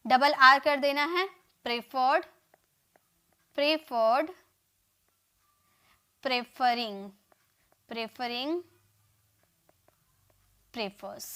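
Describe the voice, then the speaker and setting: A young woman with a high voice and an Indian accent teaches English verb forms in a live online class. She calls out every word form and says it twice, and keeps asking her viewers to follow along and comment. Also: sharp tone, clean tone. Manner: drills word forms aloud, repeats each word, urges viewers to comment and share.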